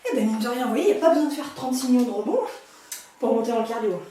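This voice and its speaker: A high-voiced woman fitness instructor exercises as she coaches, puffing with effort between counts and cues. She is playful and urging, heard from far off in a very echoey room with clear noise behind her. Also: expressive, rapid-fire, warm tone. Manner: exerting, breathy puffs while exercising.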